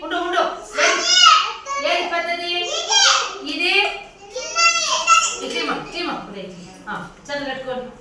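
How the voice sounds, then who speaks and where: A woman's voice: very high voice, animated, unhurried, long pauses, very noisy. A woman preschool teacher coaxing small children with repeated questions in a classroom lesson. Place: echoey classroom. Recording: echoey room, distant mic.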